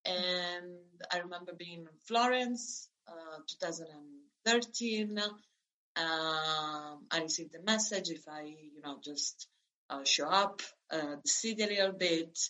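A woman's voice: lowish voice, slow pace, pushed and bright, low-quality recording. A woman in her thirties from Italy, telling her story as a guest in a conversational interview, hesitant with many fillers and restarts.

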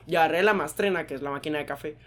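Fast, bright-voiced Mexican guy telling stories. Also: on the high side. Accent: Mexican Spanish. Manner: slangy, animated storyteller acting out voices. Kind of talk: casual chat.

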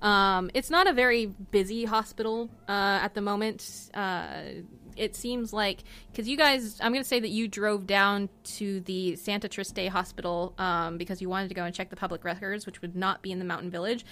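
Rambling woman game master, smooth voice. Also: mid-range voice, fairly even intonation, normal speed, fairly bright tone. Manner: chatty, meandering with fillers. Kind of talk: narrating a tabletop game.

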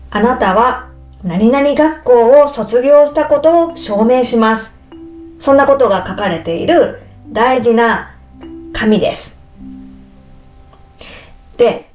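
Slow, clear-speaking woman teacher. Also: on the high side, darkish tone, reverberant. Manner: slow, clear, explaining simply with repetitions. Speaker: Japanese teacher for learners. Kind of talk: slow explanatory podcast talk.

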